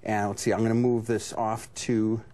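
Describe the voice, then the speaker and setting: A man's voice: on the low side, flat delivery, moderate pace, mellow. A man presenting on a home shopping show, explaining a product step by step in loose, conversational talk peppered with "you know". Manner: explanatory, conversational, frequent 'you know'. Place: TV shopping studio. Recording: noticeable background noise.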